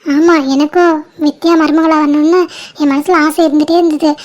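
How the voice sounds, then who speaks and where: A woman's voice: high voice, flat delivery, normal speed, a little mellow. A woman voicing the sisters and mothers of a home-made family drama cartoon, emotional and pleading. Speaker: cartoon creator voicing all female roles.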